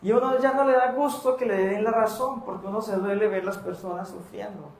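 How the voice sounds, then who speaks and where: A man preaching a sermon as pastor in a church, speaking in a lively way and acting out his congregants' voices. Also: high voice, brisk, vocal fry, echoey room.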